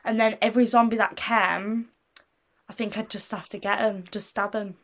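A woman's voice: mid-range voice, steady tone, moderate pace, fairly bright tone. A sixteen-year-old girl from Britain, a young singer answering interview questions in a casual, giggly, rambling way with lots of fillers. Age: teens.

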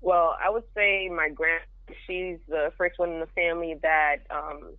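This young Jamaican podcast guest is plain-spoken and frank as she discusses her life in a casual interview. Her steady voice sits low, her pace is measured, and the tinny phone-line audio has no echo.

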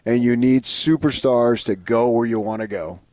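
A man's voice: medium pitch, normal speed, mellow, dry recording. A man co-hosting sports talk, giving conversational commentary and repeating phrases for emphasis. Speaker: sports radio co-host.

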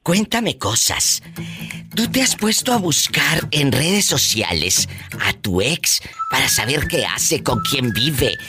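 A man's voice: medium pitch, big pitch swings, takes it slowly, over music. A man with a Mexican accent hosting a radio show, teasing and joking in casual banter. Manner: playful, teasing, exclamatory. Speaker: radio host.

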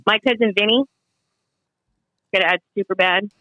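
A woman's voice: medium pitch, fairly even intonation, moderate pace, bright, forceful tone, no echo, low-quality recording. A woman in her thirties, a podcast guest chatting about movies in a giggly, playful way. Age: 30s. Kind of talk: casual chat about movies.

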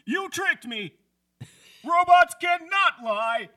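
A man putting on a crude, glitchy spam robot with a very high, piercing voice that drags out its slow, clipped phrases. It barks pushy junk-ad lines at a studio mic for an improvised comedy podcast. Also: animated, pushed and bright, full character voice. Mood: robotic pushy.

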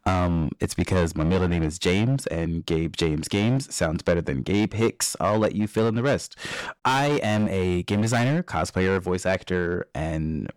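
A man who is a game designer, chatting as a player, playful and animated, often laughing while telling stories. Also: low-pitched, unhurried, clean tone, no room sound. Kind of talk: casual chat.

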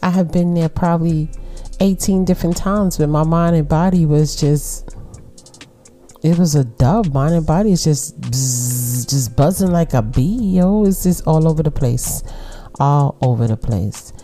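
A middle-aged woman with a Brooklyn accent hosting a casual solo podcast, talking to women listeners in a laid-back, unhurried, conversational way. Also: a bass voice, warm tone. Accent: Brooklyn, New York. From Brooklyn, New York. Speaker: podcast host.

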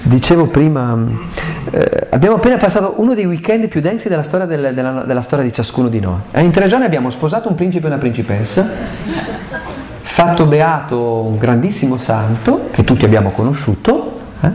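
Here the catechist's voice is a little high and a little mellow, very animated and fairly quick. Speaking live on a Bible passage, he stays impassioned and colloquial, rattling off rhetorical questions, while the echoey room recording carries a faint hiss.

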